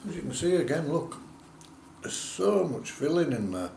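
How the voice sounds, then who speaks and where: A man giving a casual food taste-test review as a vlogger, speaking in unhurried, plain-spoken short phrases of approval. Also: fairly high pitch, very animated, creaky, a little mellow. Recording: roomy echo, faint background noise.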